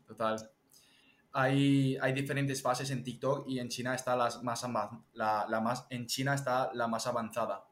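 A young man from Spain, a TikTok strategist, chatting as an interview guest and explaining things lively with examples. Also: medium pitch, measured pace. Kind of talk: casual interview chat. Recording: echoey room.

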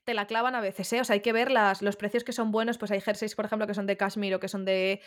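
A woman's voice: mid-range voice, little pitch movement, fast. A woman from Spain co-hosting a podcast in casual chat, playful and chatty, acting out quoted voices. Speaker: podcast co-host.

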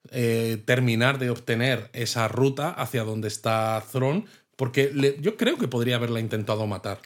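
A man talks through a TV episode with his co-host. His delivery is casual and considered, and he often checks in with a quick tag question. His pitch sits in the middle range. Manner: thoughtful, with frequent tag questions. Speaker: podcast co-host. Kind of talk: casual chat reviewing a TV episode.

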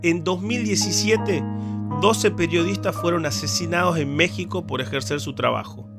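Male podcast host, scripted documentary narration, measured and grave, slightly high voice, guitar music under it. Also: gravelly.

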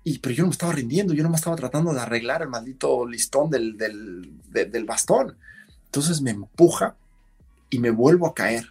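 A man, a podcast guest, telling a story in casual conversation, animated and acting out what others said. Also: medium pitch, a little fast, vocal fry, slightly rough, faint music behind. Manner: animated storyteller, acts out shouted quotes.

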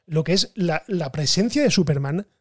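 A man with a Spain Spanish accent talks films in a loose, animated way, laughing as he goes. His voice sits high for a man. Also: moderate pace. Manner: animated, laughing, swears casually. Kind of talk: casual film discussion.

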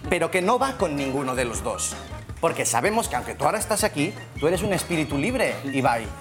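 A man's voice: on the high side, sing-song, a little fast. A man with a Spanish accent from Spain improvising a mock-grandiose, sweary comic bit on a talk show. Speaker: comedy show contributor. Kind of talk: improvised comic monologue and banter. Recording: music and crowd behind the voice.

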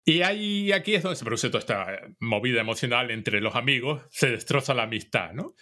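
Going over the plot of a cartoon episode, a podcast co-host chats casually in a medium-pitched voice that is expressive, brisk, pushed and bright. When he quotes lines, he does so with minimal performance.

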